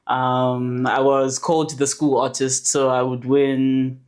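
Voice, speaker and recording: A woman in her twenties, born in Zambia and raised in South Africa, who is a guest on a podcast and tells her story in a relaxed, chatty way. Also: extremely low pitch, slow. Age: 20s. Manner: relaxed storytelling with fillers and restarts. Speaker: podcast guest, animation producer. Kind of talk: casual podcast interview.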